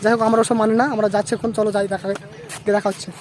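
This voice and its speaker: A man's voice: high voice, little pitch movement, rapid-fire, heavy background noise. A young man from Bangladesh chatting casually to his viewers in a travel vlog while riding outdoors on a rural road, often checking in with them. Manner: chatty, keeps asking viewers "okay?". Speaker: vlogger.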